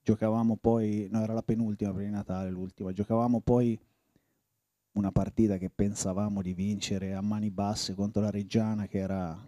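Dark-voiced man reminiscing, halting. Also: on the low side, flat delivery, no room sound, dull audio. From Italy. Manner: reflective, halting, often restarts phrases. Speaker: former footballer. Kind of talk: reminiscing interview.

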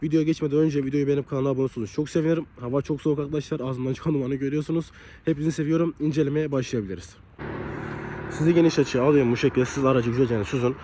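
A young man with a slightly hoarse voice from a cold, chatting casually as he walks around a car outdoors and reviews it, often dropping a filler word. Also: mid-range voice, steady tone, very fast, warm tone, a little hiss or hum. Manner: chatty, leans on the filler "hani".

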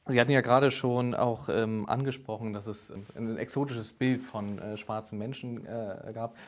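A man's voice: medium pitch, steady tone, moderate pace. A young man interviewing a professor, asking long questions with hesitant phrasing and many filler sounds.

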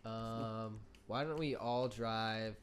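A man's voice: lowish voice, fairly even intonation, drawn-out words, clean tone. A young man chatting while he games with friends, rambling and joking, with a good deal of swearing. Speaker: co-player. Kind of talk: casual gameplay banter.

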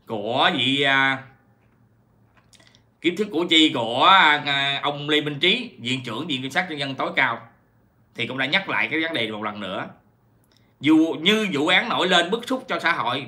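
A man's voice: a little high, bright, forceful tone. A man giving a rambling commentary to his viewers, full of fillers, self-corrections and rhetorical questions. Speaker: YouTube commentator. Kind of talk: casual commentary monologue.

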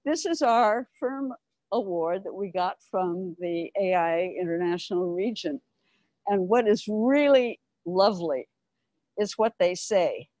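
A woman's voice: mid-range voice, lively intonation, a little slow, darkish tone, no room sound. An older woman speaking through a face mask, explaining things as she guides a group on an informal office tour, wearing a clip-on mic. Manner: explanatory, addressing a group while walking. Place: open-plan office, indoors. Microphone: clip-on lapel microphone.

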